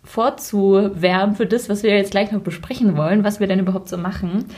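A woman's voice: mid-range voice, steady tone, fairly quick, warm tone. A woman in her twenties co-hosting a casual podcast chat, talking freely with frequent fillers and laughs. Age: 20s. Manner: chatty, laughs often, many fillers. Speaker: podcast co-host.

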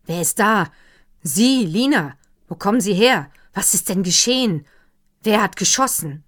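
A woman voicing a stern, commanding older gentleman who barks out loud questions. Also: mid-range voice, lively intonation, a little slow.

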